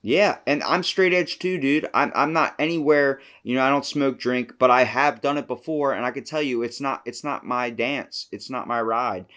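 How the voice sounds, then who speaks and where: A man hosting a podcast in casual chat, excitable and slangy, calling his guest dude. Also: medium pitch, moderate pace, hardly any pauses. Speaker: podcast host.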